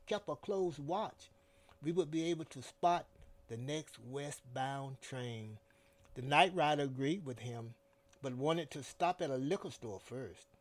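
A man narrating a first-person story in a slow, deliberate storytelling manner. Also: medium pitch, a little mellow.

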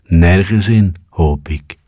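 A man voicing a curt, irritable female cat who gives short, clipped, hushed replies. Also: sits low, slow, husky, dry recording, studio quality, heavily acted.

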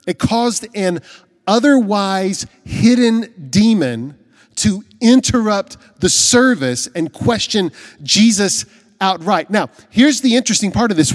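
A man's voice: sits high, long reverb tail. A man preaching a sermon as a pastor, earnest and emphatic, with rhetorical questions.

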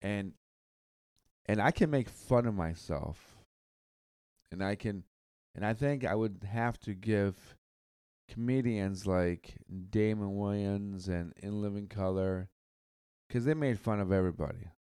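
A man hosting a solo podcast, talking casually in a halting way, repeating words and stuttering now and then. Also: on the low side, warm tone, smooth, no echo, clean studio sound. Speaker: podcast host.

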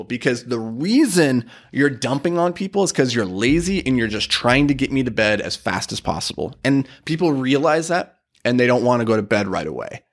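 A man hosting his own business podcast, talking casually in a rambling, ranty way with plenty of fillers. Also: mid-range voice. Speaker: podcast host. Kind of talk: solo podcast monologue.

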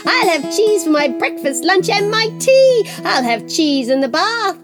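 A woman voicing a greedy neighbour man who adores cheese, in a high, squealing sing-song. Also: very animated, a little slow, music in the background, exaggerated voice. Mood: greedy delight.

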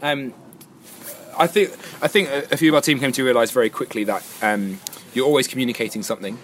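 A man's voice: mid-range voice, quick pace, slight background noise. A man giving thoughtful interview answers in a conversational way, feeling out his phrasing as he goes. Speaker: interviewee, event organiser.

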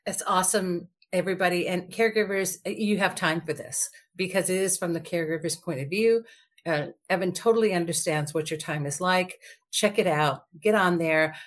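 A woman co-hosting a podcast in casual chat, chatty and upbeat, with her morning voice lower than usual. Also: normal speed. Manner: chatty and upbeat, lots of fillers. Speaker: podcast co-host.

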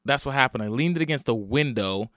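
A man's voice: mid-range voice, expressive, fast talker, a bit bright, no echo, studio quality. A man chatting casually as a solo comedy podcast host, rambling, self-deprecating and sweary, tired and hungover and talking with a swollen, split lip. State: swollen, bruised upper lip. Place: at home in a basement.

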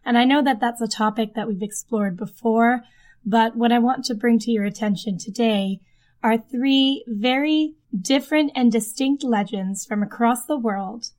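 A woman's voice: on the high side, moderate pace, darkish tone. A woman hosting a podcast, telling stories in a chatty way that circles back on itself, recorded under a blanket fort in her den. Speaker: podcast host. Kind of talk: casual podcast storytelling. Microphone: desk microphone under a blanket.

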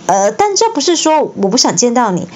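A woman's voice: sits high, sing-song, fairly quick, warm tone, highs cut off, a little hiss or hum, voice pushed up. A woman voicing a polite, nervous boy wizard who stammers and hesitates, in a bedtime storybook reading.

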